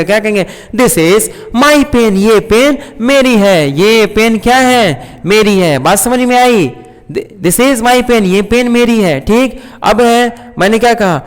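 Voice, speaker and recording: Guy teaching grammar in a classroom, pretty high voice, keeps asking if u get it, echoey hall. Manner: asks questions and repeats key points. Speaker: English teacher. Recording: long hall reverb.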